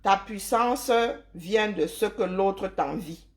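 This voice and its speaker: A Cameroonian woman hosts a live stream, lecturing her viewers emphatically in an opinionated monologue. Her medium-pitched voice moves slowly, punctuated by rhetorical questions and tags like "hein".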